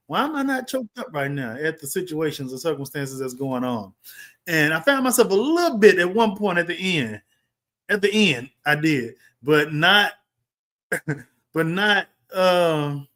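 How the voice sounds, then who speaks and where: A man reviews a film live on stream, his fairly high voice jumping up and down as he gets worked up. He talks in quick bursts and keeps restarting his sentences. He sounds like he is speaking into a webcam mic at a desk. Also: sharp tone. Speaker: livestream host reviewing a film. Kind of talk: casual live reaction commentary.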